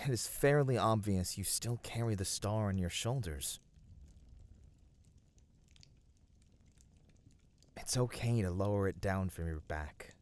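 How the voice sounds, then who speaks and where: In a scripted ASMR fantasy roleplay, a man voices a gentle, noble adventurer comforting a weary friend, speaking soothingly and earnestly with formal, old-fashioned phrasing. His voice sits on the low side and carries gentle, reassuring concern.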